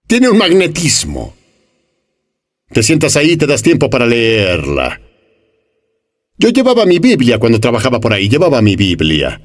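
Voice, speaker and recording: A man preaching a sermon, animated and full of rhetorical questions, sometimes acting out the voices of the people he quotes. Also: medium pitch.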